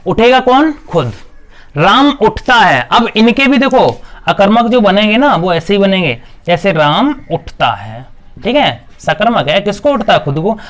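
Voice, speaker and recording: High-voiced man teaching grammar. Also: a bit bright. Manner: repetitive, asks and answers his own questions; fillers of "okay" between points. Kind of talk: classroom-style video lesson.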